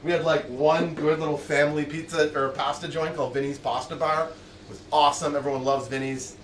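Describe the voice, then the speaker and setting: Excitable high-voiced man cooking on stream. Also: a little fast, reverberant, recorded from a distance, slight background noise. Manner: excitable and jokey, reads out chat messages. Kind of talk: casual live-stream chat while cooking. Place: basement home kitchen.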